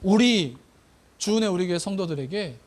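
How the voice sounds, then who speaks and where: A man's voice: high-pitched, animated, moderate pace. A male pastor preaching a sermon, addressing the congregation with questions and repeating phrases for emphasis.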